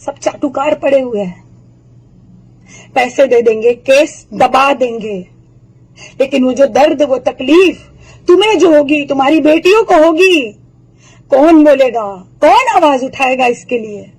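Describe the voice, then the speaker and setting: A hoarse woman with a sore throat delivering a furious political video rant, taunting her targets with rapid-fire rhetorical questions. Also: high voice, a little mellow, poor audio.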